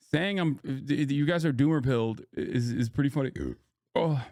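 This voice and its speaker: A man's voice: mid-range voice, normal speed, a little mellow, dry recording, studio quality. A man hosting a live stream, ranting to his chat in a profane, emphatic way. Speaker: streamer host reacting to news. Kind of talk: casual live-stream commentary.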